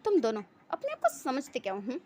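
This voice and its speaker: A woman's voice: high voice, wildly swooping pitch, fast, slight background noise. A woman voicing a vengeful male mafia boss who threatens and taunts his enemies. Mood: taunting. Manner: threatening, taunting, shouts in bursts.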